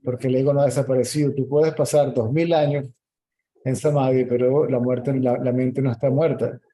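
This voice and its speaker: Dark-voiced calm spiritual teacher, man. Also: medium pitch, moderate pace, poor audio. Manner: calm, explanatory, checks in with "¿sí?". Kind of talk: answering questions in a meeting.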